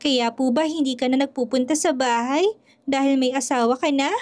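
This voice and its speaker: A woman voicing a small, tearful and hurt boy who speaks slowly and plaintively. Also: high voice, fairly even intonation, darkish tone, natural voice.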